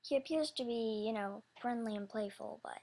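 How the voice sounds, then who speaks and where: An animation creator delivers a loose, off-the-cuff announcement, her speech halting and scattered with constant self-interruptions. She has a husky, breathy, fairly high voice that is a little mellow.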